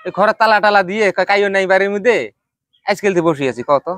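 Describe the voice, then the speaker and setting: A man's voice: sits high, quick pace, a bit bright, no room sound, studio quality. A man doing a grumbling old grandfather. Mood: complaining. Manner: plaintive rural grumbling. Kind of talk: comedy skit acting.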